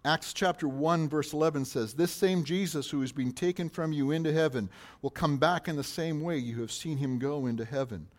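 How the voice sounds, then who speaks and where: A man's voice: a little high, normal speed. Man preaching a sermon. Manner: preaching with rising questions and falling, quieter answers. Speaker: pastor.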